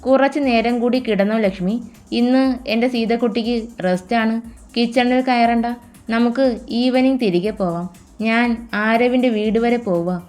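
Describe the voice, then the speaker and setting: A woman reading the part of a doting, teasing young husband in a romance story, in a tender, coaxing way, with soft music behind. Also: fairly high pitch, moderate pace, lightly acted.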